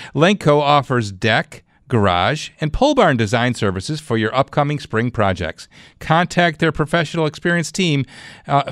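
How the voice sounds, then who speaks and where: A man's voice: on the high side, a bit bright, no room sound, clean studio sound. A man hosting a radio show, reading a hard sell ad with emphatic, punchy salesman delivery. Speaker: radio host of a home-repair call-in show.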